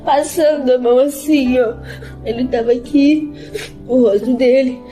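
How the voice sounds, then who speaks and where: A high-voiced woman tells of a religious experience in a halting, repetitive way, her voice often close to tears. Her tone is dark and mellow despite the high pitch, and faint music plays behind her. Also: fairly even intonation. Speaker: interviewee giving a religious testimony. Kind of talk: emotional spoken testimony.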